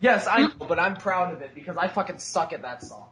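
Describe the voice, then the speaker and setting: A man's voice: high-pitched, sing-song, a little fast, a bit bright. A sixteen-year-old boy telling rambling, boastful stories in a casual podcast chat. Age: teens. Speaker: podcast co-host.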